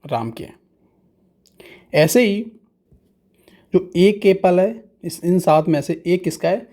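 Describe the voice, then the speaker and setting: Guy teaching fractions to kids, slightly high but mellow voice, asks stuff then answers it himself. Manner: slow, patient, asks questions and answers them himself. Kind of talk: explaining fractions to students.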